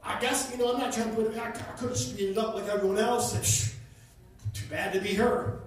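A man's voice: high voice, steady tone, a little fast, recorded from a distance. Impassioned preacher man in echoey church. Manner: impassioned, builds to shouting. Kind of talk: sermon. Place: church sanctuary.

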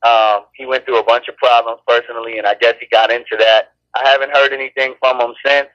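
A laid-back rapper, born in Chicago and raised in Los Angeles, rambles with many restarts as an interview guest. His medium-pitched, slightly bright voice has little pitch movement and runs a little fast. There's no room sound, and the highs are cut off.

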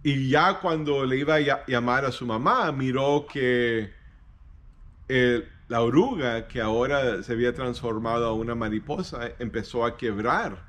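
A man, a pastor telling a devotional story, halting and repeating words and slipping into English phrases. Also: medium pitch, a bit bright.

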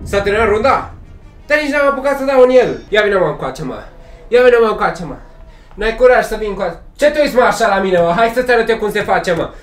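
A man's voice: high voice, animated, faint music behind. A man playing a boastful, brash boxer, taunting and grunting through comedic in-character VR game commentary. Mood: riled up. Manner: taunting, loud, punctuated with grunts. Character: boastful cocky male boxer, brash and mocking. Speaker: VR game player. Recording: roomy echo.

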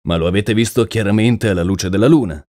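A man voicing a shrewd, calm male detective in an audiobook, asking measured questions. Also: lowish voice, dry recording, studio quality, lightly acted. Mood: probing. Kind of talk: audiobook character reading.

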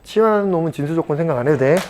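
A man teaching a math class at a cram school, blunt and chatty, joking and mock-scolding his students and checking in with quick questions. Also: fairly high pitch, animated, darkish tone. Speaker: math tutor.

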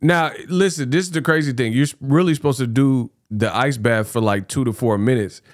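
A man in his thirties gives casual, teasing commentary as a reaction host. His mid-pitched voice sits close on the mic in a dry home studio, and he likes to repeat phrases. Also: fairly quick, no room sound. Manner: colloquial, teasing, repeats himself. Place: small home studio, indoors. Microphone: close microphone on a stand.

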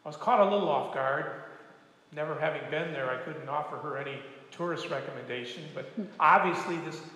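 Retired pastor preaching in an echoey church. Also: male voice, a little high, fairly quick, slight background noise. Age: older. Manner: gentle, folksy storytelling with humor. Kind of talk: sermon with storytelling. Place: church sanctuary.

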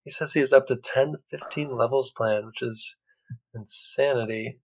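Young male co-host, enthusiastic, casual chat, fry in the voice. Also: medium pitch, fairly even intonation, normal speed, poor audio. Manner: upbeat and enthusiastic, hesitant ums. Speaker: podcast co-host. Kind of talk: casual gaming podcast chat.

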